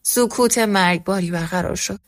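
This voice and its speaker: A woman reading a first-person story aloud as scripted narration, voicing every character in the same even narrating voice. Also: medium pitch, no room sound, studio quality.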